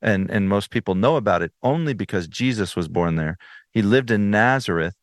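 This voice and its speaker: A man's voice: on the low side, lively intonation, fairly quick, no echo, studio quality. A man in his thirties, an interview guest telling his personal story earnestly, with frequent restarts. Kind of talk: personal testimony in conversation.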